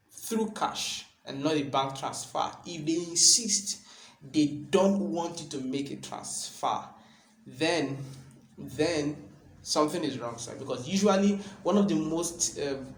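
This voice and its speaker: A man's voice: mid-range voice, echoey room. A Nigerian man explaining real estate advice in an earnest video talk. He often repeats words and ends points with "right?".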